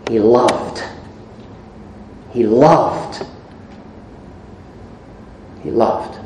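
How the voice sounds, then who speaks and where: A preacher giving a sermon, reading scripture aloud and repeating phrases for emphasis, moving between loud emphasis and soft low asides. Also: drawn-out words, slight background noise. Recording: echoey room.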